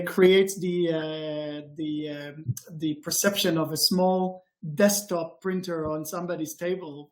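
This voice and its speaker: A man from Israel, a department head, explaining calmly over a video call with some hesitant pauses. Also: high voice, poor audio. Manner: measured, explanatory, hesitant fillers.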